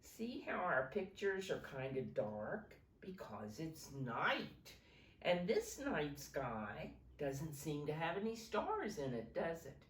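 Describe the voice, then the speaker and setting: Reading to small children, a low-voiced preschool teacher explains things in a simple, instructive way and keeps asking the listeners questions. She goes slowly, with big, expressive pitch swings. The recording is roomy and somewhat distant from the mic, with slight background noise.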